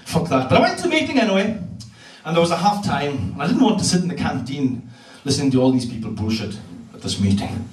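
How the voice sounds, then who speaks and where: A Hebridean Scottish man doing stand-up with a high voice and a profane, deadpan delivery. He is recorded from far off in a roomy live venue, so the sound is echoey and distant. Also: quick pace. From Isle of Lewis, Scotland. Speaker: stand-up comedian. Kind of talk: stand-up comedy. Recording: echoey club room from far off.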